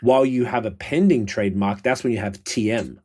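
A male podcast host with a fairly low voice. He talks in loose, casual slang and swears freely as he chats. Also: fairly quick, background noise. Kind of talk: casual profane podcast chat.

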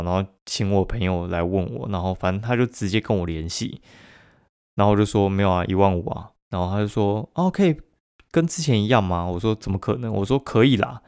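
A man's voice: lowish voice, darkish tone, clear, resonant tone, no room sound, clean studio sound. Profane Taiwanese man ranting on a podcast. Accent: Taiwanese Mandarin. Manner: profane, exasperated storytelling with heavy swearing. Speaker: podcast host. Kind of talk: casual solo podcast rant.

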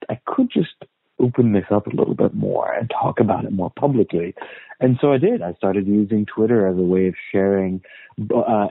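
Male guest historian, lowish voice, narrow phone-line sound, unhurried storyteller. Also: no room sound. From United States. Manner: thoughtful storyteller, frequent "uh" and repeated words. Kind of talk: casual interview conversation. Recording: tinny phone-like line, dry.

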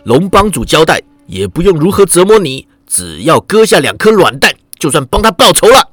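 A man voicing a hot-blooded young swordsman hero who speaks loudly and sternly, often furious, in a wuxia story. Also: fairly high pitch, big pitch swings, normal speed, slightly rough, dry recording, heavily acted. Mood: stern angry. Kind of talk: wuxia audiobook character voice.

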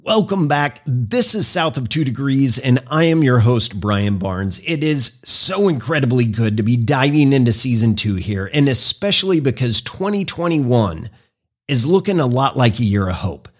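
A man hosting a podcast, delivering a scripted intro and monologue in an earnest, measured, persuasive way. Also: medium pitch, lively intonation. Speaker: podcast host.

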